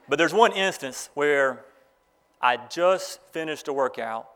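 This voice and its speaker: A man's voice: fairly high pitch, animated, a bit bright. A man giving a graduation address, telling stories in a folksy way and reading from the Bible. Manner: folksy storytelling, speeding up and slowing down. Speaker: graduation speaker.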